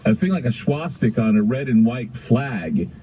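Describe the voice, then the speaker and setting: The call-in show's middle-aged American host gets very animated here, his mid-range voice moving fairly fast as he meanders conversationally and repeats phrases. There's a little hiss or hum over the tinny, narrow-band broadcast sound.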